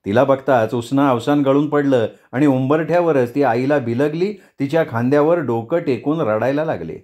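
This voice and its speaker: A man reading a short story aloud as a storyteller, in a measured, expressive narration. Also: mid-range voice.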